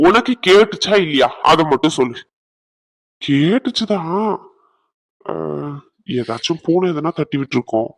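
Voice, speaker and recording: A man's voice: on the high side, fairly bright tone. A man voicing bickering young men in a cartoon, one of them a drunk friend, another a groom.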